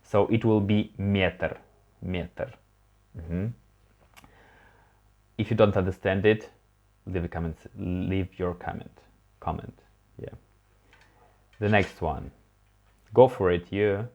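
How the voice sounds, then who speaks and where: A man's voice: deep voice, steady tone, takes it slowly, long pauses, a little mellow, lo-fi sound. A man teaching a beginner language lesson online, patiently prompting a learner to repeat words and encouraging them.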